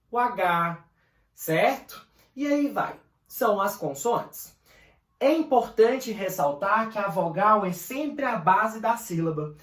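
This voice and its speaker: A woman's voice: mid-range voice, reverberant. A woman with a Brazilian Portuguese accent teaching a grammar lesson at a board, explaining step by step and often checking that students follow. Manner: explanatory, checks in with frequent "beleza?" and "tranquilo?".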